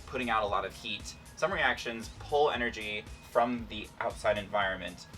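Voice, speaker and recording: A man's voice: on the low side, moderate pace, pushed and bright, distant mic, faint music behind. A man hosting a casual science demonstration, explaining things informally and playfully. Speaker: host, scientist.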